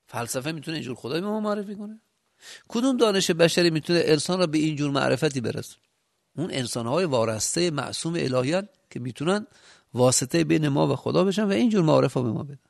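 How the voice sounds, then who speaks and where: A man from Yazd with a Yazdi accent, giving a sermon with rhetorical questions and a loudness that rises and drops. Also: a little high, animated, vocal fry. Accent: Yazdi Persian. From Yazd, Iran. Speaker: preacher.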